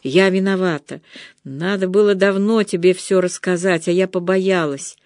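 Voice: mid-range voice, fairly even intonation, normal speed, a little mellow, dry recording, studio quality, lightly acted. A reader voicing a distraught young woman full of guilt and envy, tearful and pleading in an audiobook. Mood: anguished. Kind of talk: audiobook reading.

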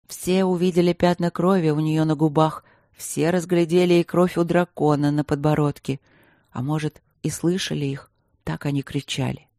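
A woman's voice: deep voice, mellow, no room sound. Woman reading an audiobook, dry sound. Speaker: audiobook narrator. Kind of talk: scripted narration.

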